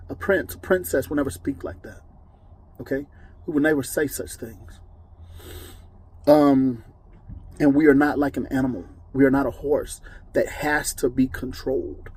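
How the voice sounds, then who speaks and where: A man's voice: medium pitch, dark tone, husky, rough recording. A man giving an informal Bible teaching, conversational and emphatic, often checking in with "okay?". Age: adult with children. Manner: emphatic, moralizing. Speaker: preacher.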